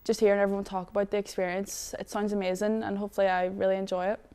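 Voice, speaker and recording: Derry girl in her 20s doing a chatty interview, talks quick, nice clean voice. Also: mid-range voice, flat delivery, mellow, clean tone. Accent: Derry, Northern Irish. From Northern Ireland. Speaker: footballer being interviewed. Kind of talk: casual interview chat. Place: studio.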